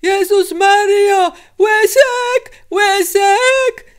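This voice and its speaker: A woman voicing a terrified old male miner trapped under coal, crying out in high strained shouts. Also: drawn-out words, heavily acted. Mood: panicked. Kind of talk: audiobook reading.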